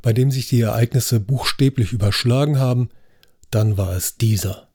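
A man's voice: mid-range voice, normal speed, a little mellow, breathy edge, no echo, clean studio sound. A man voicing a driven prosecutor in an audiobook, firm and authoritative. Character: commanding, driven male prosecutor.

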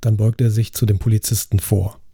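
A man reading a crime novel aloud as an audiobook narrator, in a steady, measured way. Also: lowish voice, breathy edge, no room sound, clean studio sound. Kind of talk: scripted narration.

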